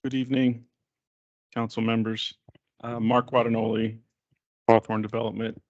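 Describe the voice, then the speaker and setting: A man's voice: mid-range voice, flat delivery, normal speed, highs cut off. A man presenting as a developer at a public meeting, hesitant and repeating words.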